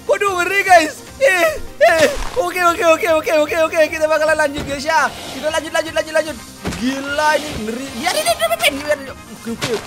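A woman hosting a gameplay video, commentating loudly and shrieking in mock panic. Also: extremely high pitch, sing-song, normal speed, few pauses. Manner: shrieks and shouts in mock panic, talks to viewers. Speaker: gaming video host. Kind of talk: excited Minecraft gameplay commentary. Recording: loud game music behind.

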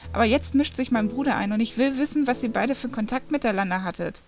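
A woman's voice: on the high side, animated, brisk. A woman reading aloud voices a snappy, angry young male demon, the son of Satan, who scolds and demands answers. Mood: furious.

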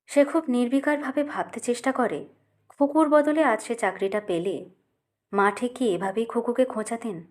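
In a medium-pitched voice, a woman narrates a literary short story for an audiobook, reading in a measured and expressive manner.

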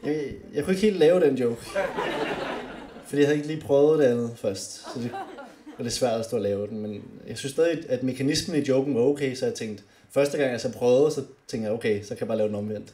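A young man doing stand-up comedy on a club stage, animated and often shouting his punchlines. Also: mid-range voice. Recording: roomy club with faint noise.

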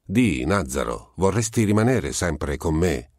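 A man voicing an eccentric older gentleman who talks in a mild, coaxing way, in a storybook reading. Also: low voice, sing-song, unhurried, dry recording, studio quality, heavily acted.

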